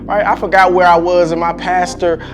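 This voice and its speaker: A man's voice: high-pitched, little pitch movement, moderate pace. A man coaching on public speaking in a fervent, preacher-like way, calling out "come on" and restarting his words. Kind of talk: faith-based motivational talk. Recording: clear music bed under voice. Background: music.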